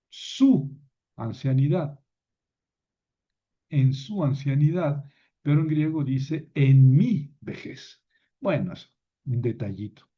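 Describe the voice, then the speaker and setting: A man teaching a scripture lesson, slow and halting, with many fillers, often checking with the class. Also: mid-range voice, breathy edge, highs cut off. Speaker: Bible teacher. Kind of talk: lecture on scripture.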